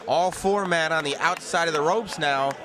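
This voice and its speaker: A man's voice: on the high side, moderate pace, crowd noise. A man giving color commentary on live wrestling, with conversational, analytical asides. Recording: noisy live event background.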